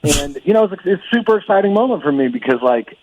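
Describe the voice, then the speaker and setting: A man calling in over a phone speaker, chatty and excitable, telling his story with quick laughs. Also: high-pitched. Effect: heard over a phone speaker. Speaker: radio call-in guest. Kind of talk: casual chat. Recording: muffled phone line.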